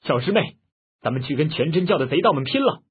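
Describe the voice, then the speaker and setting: A man's voice: fairly high pitch, lively intonation, quick pace, husky. Grieving man, despairing, narrator's own voice; lo-fi phone sound. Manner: tearful, loud lamenting. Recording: muffled phone-like lo-fi audio.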